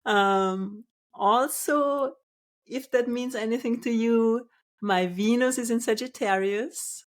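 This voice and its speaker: A woman in her thirties from Austria, hosting her own podcast and speaking in a calm, soft way. She talks slowly and unhurriedly, her pitch sitting in an ordinary middle range. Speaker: podcast host, spiritual business coach. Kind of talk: scripted solo podcast.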